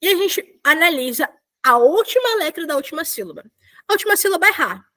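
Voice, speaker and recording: Young woman, high bright voice, casual video-call teacher who corrects herself and keeps checking in. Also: expressive, brisk. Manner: chatty, self-correcting, frequent checks with students. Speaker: volunteer Korean teacher. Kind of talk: casual online lesson.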